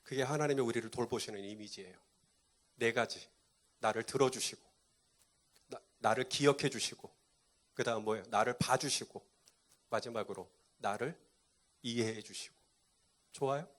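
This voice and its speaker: A pastor preaching a sermon to a live congregation, quizzing them and repeating key points. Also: male voice, mid-range voice, moderate pace, pauses often, fairly bright tone.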